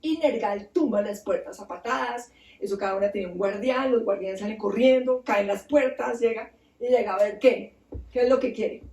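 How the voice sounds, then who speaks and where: Woman author, lively storyteller at a bookstore talk, distant roomy recording. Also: mid-range voice, moderate pace. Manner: animated, acts out voices, asks the audience. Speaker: author giving a book talk. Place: bookstore event space.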